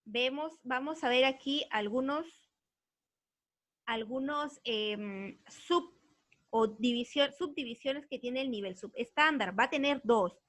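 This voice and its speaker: Teacher lady, kinda high bright voice, dry close sound, keeps asking "right?". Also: takes it slowly, no echo. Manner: earnest, explains patiently, checks understanding with frequent tag questions. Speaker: language teacher. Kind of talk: recorded online grammar lesson.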